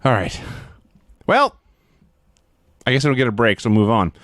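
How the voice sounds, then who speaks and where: A man's voice: medium pitch, moderate pace, dry recording. A man hosts a casual chat show and tells stories with a lot of movement in his voice. He pokes fun at himself as he goes. The sound is dry and close, with no room around it. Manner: animated, self-mocking storyteller. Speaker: podcast host. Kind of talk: casual chat recapping old wrestling shows.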